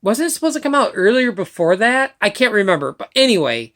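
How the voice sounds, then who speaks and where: A woman vlogging casual opinion chat, excitable and gushing, swearing casually, filmed on a webcam or phone. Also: mid-range voice, brisk.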